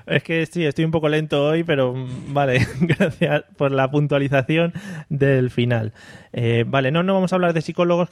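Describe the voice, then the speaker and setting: A man's voice: mid-range voice, darkish tone, no room sound. Jokey male podcast host, dry close sound. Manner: jokey, laughing at his own lines. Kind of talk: casual podcast chat.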